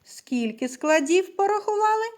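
A woman teacher giving a literacy lesson to young children, stretching out words slowly and clearly so they can repeat after her. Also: very high-pitched, lively intonation. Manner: slow, carefully stressed words for children to repeat. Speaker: primary school teacher.

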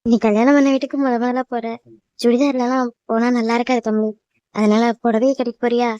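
A woman's voice: a little high, flat delivery, a little fast, mellow, dry recording, highs cut off, close to an everyday voice. Woman voicing a fussing tearful cartoon mother. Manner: fussing, emotional, pleading. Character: worried loving mother of a bride, tearful. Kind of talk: cartoon voice acting.

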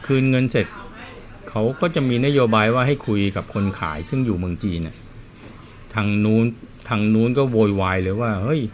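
Speaking at a moderate pace in a fairly low voice, a watch repairer tells stories and explains things casually as he works, in a plain, chatty manner.

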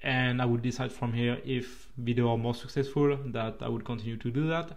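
A man with a French accent, a native French speaker, narrating his own train trip report in a relaxed, chatty way that turns a little halting at times. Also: mid-range voice. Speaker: railway vlogger.

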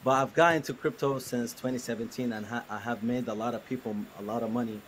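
A man's voice: medium pitch, steady tone, quick pace, fairly bright tone, poor audio. Man, from Jordan, hesitant, plain, video call, faint noise. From Jordan, raised in the US. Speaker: guest developer. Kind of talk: interview answers.

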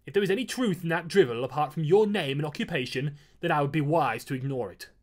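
A man voicing a mysterious, smirking young gentleman of about twenty-two, formal and mocking, with a raspy voice. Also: a little high, fast talker, close to an everyday voice. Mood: scornful.

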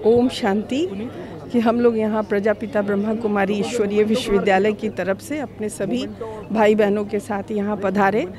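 A woman from a spiritual organization speaking calmly and instructively about meditation to a reporter. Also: mid-range voice, normal speed. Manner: calm, devotional, instructive. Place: outdoors at a crowded event. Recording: outdoor crowd noise.

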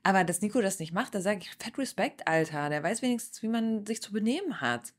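A woman's voice: medium pitch, animated, a little fast. A woman hosting a reaction video, commenting bluntly and with indignation on a reality show.

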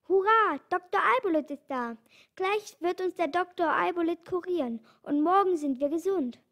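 A woman voicing an excited crowd of jungle monkeys in a storybook reading, calling out eagerly in a raised voice. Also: high-pitched, slow, heavily acted. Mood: eager, urgent. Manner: eager, shouting gladly.

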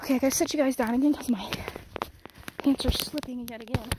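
A woman's voice: high voice, fairly even intonation, quick pace, noisy background. A young woman vlogging as she walks through the woods, out of breath and rambling to her viewers. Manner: rambling, talks to viewers while walking. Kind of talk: walking vlog in the woods. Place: outdoors in woods.

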